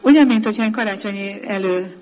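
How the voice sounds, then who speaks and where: High-voiced man leading tongues prayer. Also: darkish tone. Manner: chanting glossolalia, coaxing congregation. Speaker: pastor. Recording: dull lo-fi recording with music. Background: worship music.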